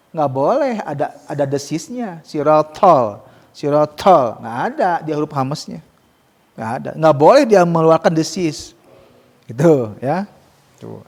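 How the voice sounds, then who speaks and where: A man teaching Quran recitation rules to students, explaining casually and modelling slow, drawn-out recitation. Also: on the high side, darkish tone, in a large hall. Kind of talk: tajwid lesson with students.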